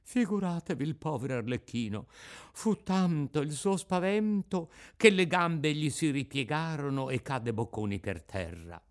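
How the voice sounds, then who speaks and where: A man narrating a classic children's tale in a theatrical, expressive reading. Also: fairly high pitch, unhurried. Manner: expressive, rises and falls with the tale.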